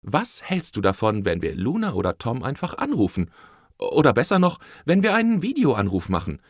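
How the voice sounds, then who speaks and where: Brief: a man reading a patient, gentle mother in a storybook, soft and warm-toned, dry close sound. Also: medium pitch, huge pitch swings, normal speed, no room sound. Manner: soft and soothing, briefly stern.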